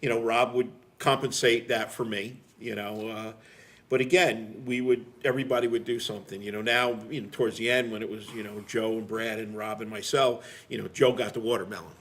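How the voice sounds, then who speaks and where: Here a middle-aged man who works as a firefighter swaps stories in blunt, salty everyday talk. His voice is on the low side yet fairly bright, with a steady tone and a slightly fast delivery.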